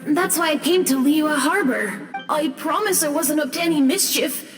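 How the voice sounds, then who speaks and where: A woman's voice: high-pitched, normal speed, soft background music, close to an everyday voice. A woman voicing the timid, apologetic ghost of a young boy in a video game, hesitant and childlike. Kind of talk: English video game character dub.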